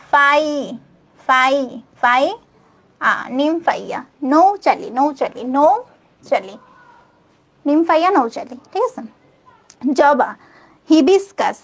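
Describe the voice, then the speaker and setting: A young woman teaches an online exam-prep biology class in a high, light voice. She breaks scientific names into syllables, spells them letter by letter and repeats them patiently. She keeps asking her students if they are following. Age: young adult. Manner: spells out names slowly and repeats them, often checking with "okay?".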